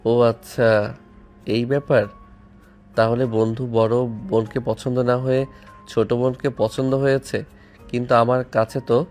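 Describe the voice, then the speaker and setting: A man's voice: medium pitch, a little mellow, close to an everyday voice. A man playing a husband's playful young friend who talks politely in an audio drama. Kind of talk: Bengali audio love-story drama.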